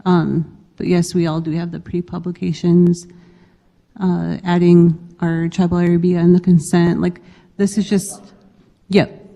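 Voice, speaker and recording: A woman speaks on a conference panel in a reverberant conference hall, sounding conversational but hesitant, with fillers. Her voice is fairly low, dark-toned and flat, delivered at a measured pace with vocal fry.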